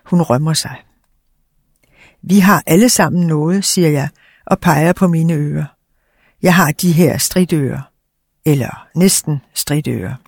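A man reading a first-person story aloud in a quiet, understated way. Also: on the high side, vocal fry, no room sound, studio quality.

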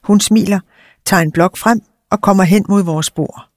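A man reading a first-person story aloud in a quiet, understated way. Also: high voice, dry recording, studio quality.

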